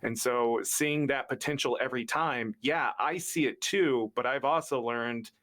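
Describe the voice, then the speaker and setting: A man on a podcast, earnestly talking through his view in a reflective, steady way. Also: medium pitch, a little slow. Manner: earnest, reflective, building an argument. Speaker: podcast guest. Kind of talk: casual podcast discussion.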